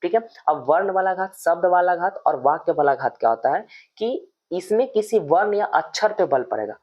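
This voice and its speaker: A man's voice: high-pitched, expressive. Man teaching grammar, lo-fi audio. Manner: explains slowly, repeats example words with stress; addresses viewers as friends. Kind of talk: online grammar lesson.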